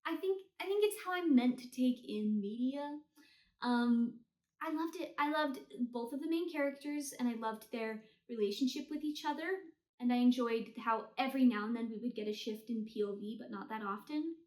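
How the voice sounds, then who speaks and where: In an echoey, roomy recording, a woman with a fairly high, slightly mellow voice chats through a ranking of books she has read at a moderate pace. She keeps it casual, using slangy phrasing and blunt, exaggerated verdicts.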